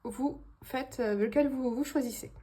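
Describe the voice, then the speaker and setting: A woman's voice: high-pitched, a little slow, mellow, breathy edge. A woman giving a casual tarot reading to her viewers, hesitant, with many fillers and restarts. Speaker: tarot card reader.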